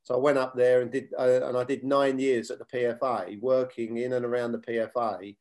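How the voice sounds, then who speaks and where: An older man speaks at a middle pitch as an interview guest. He talks in a measured, unhurried way, reliving his playing and coaching years and quoting old conversations as he goes. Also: little pitch movement, darkish tone. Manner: measured, many fillers and restarts, retells dialogue. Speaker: former footballer and coach, guest. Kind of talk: reflective interview storytelling.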